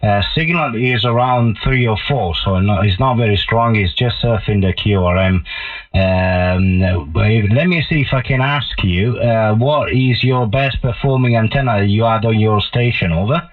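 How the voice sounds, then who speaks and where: Man, Italian accent, amateur radio operator, slightly low pitch, halting delivery, tinny narrow-band radio transmission. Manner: halting, hesitant phrasing with many pauses. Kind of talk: ham radio contact talk.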